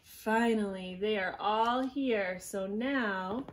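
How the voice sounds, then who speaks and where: In a small living room at home, a woman in her thirties reads a picture book aloud to young children, gently encouraging them and prompting them with questions. Her voice is medium-pitched and slow, with a little hiss or hum on the recording.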